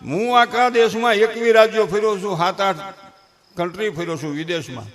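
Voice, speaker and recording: A fairly quick, high-pitched male voice with a fairly bright tone. An older folk comedian with a Kathiyawadi Gujarati accent performs on stage for a live audience, blending funny stories with preachy moral lessons in rustic dialect.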